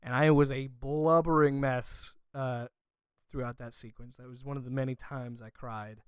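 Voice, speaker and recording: A man's voice: medium pitch, fairly even intonation, moderate pace, clear, resonant tone, dry recording. A young man hosting a podcast, gushing emotionally in a casual review chat with lots of fillers. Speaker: podcast host.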